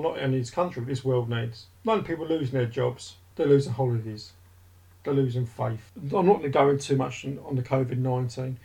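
A man's voice: medium pitch, creaky, darkish tone. A man giving a blunt, sweary monologue. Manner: blunt, sweary, gets heated. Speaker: podcast host. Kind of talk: ranting monologue.

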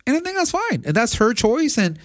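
A man's voice: extremely high pitch, wildly swooping pitch, a little fast, a bit bright, no echo, studio quality. A man co-hosting a podcast, giving his opinion in casual debate, often restarting and repeating words as he thinks aloud. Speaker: podcast co-host.

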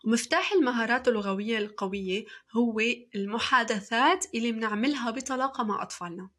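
A woman's voice: medium pitch, fairly bright tone. A woman in her thirties with a Levantine Arabic accent, giving chatty parenting advice with many fillers and restarts. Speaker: parenting podcast host. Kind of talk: casual advice talk.

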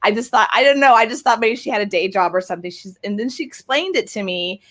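A woman's voice: fairly high pitch, animated, fairly bright tone. Upbeat woman hosting a video-call interview. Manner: upbeat, encouraging, talks in long quick runs. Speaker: podcast host. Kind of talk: casual interview chat.

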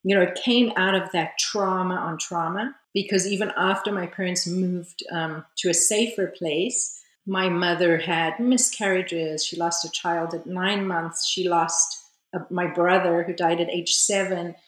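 A woman's voice: lowish voice, fairly even intonation, measured pace, reverberant, poor audio. A woman from South Africa, a spiritual healer, telling her life story as an interview guest in an earnest, reflective way. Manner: earnest and reflective, with frequent "you know".

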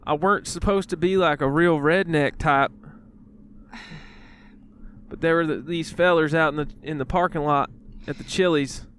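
A man's voice: on the high side, normal speed, fairly bright tone, slight background noise, lightly acted. A man putting on the voice of a folksy, boastful Southern redneck with a drawling twang and a Southern accent. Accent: American Southern.

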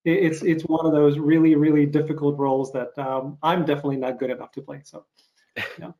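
A man interviewing a guest on a video call, rambling and self-deprecating, with frequent halting restarts. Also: on the high side, flat delivery, highs cut off. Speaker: interviewer host. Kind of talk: casual interview chat.

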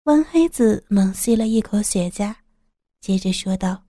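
A woman calmly narrating a crime story as a storyteller, in an even reading voice. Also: medium pitch, a little slow, dry recording, clean studio sound.

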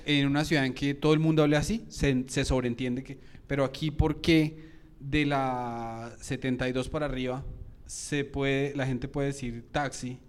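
Rambling, laughing Colombian co-host. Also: male voice, mid-range voice, fairly even intonation, moderate pace, smooth. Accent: Bogotá Colombian. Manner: rambling, laughs often, thinks aloud. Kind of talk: casual comedy interview.

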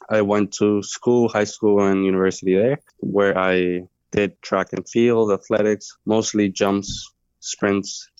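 Hesitant young Colombian man, flat low voice. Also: smooth, no echo, lo-fi sound. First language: Spanish. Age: 20s. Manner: hesitant, many fillers and restarts. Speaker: guest. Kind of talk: interview conversation.

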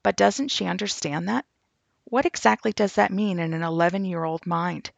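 A woman reading written posts and obituary notices aloud in a slow, solemn, reverent manner. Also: lowish voice, vocal fry, no room sound, dull audio. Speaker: narrator.

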